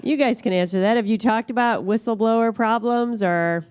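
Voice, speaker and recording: A woman's voice: on the high side, moderate pace, darkish tone, clean tone. A woman moderating a question-and-answer panel, breezy and joking. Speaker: workshop moderator.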